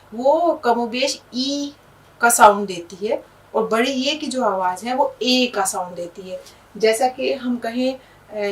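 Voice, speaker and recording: A woman's voice: on the high side, recorded from a distance, poor audio. A woman teacher with an Indian Urdu accent, patiently explaining words and letters with examples in a language lesson.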